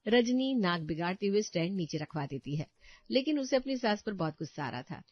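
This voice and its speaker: A woman giving calm scripted narration of a cartoon story. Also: mid-range voice, a little fast, no room sound. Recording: dull dry voice-over with faint music.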